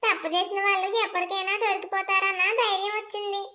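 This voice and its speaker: A woman's voice: very high-pitched, level tone, fast talker, sharp tone. A woman voicing a young wife in a cartoon who asks probing, pointed questions. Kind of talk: cartoon voice acting.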